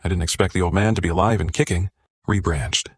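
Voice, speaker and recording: A man narrating a comic story recap in a flat, even reading style. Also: low-pitched, fast, no echo, studio quality.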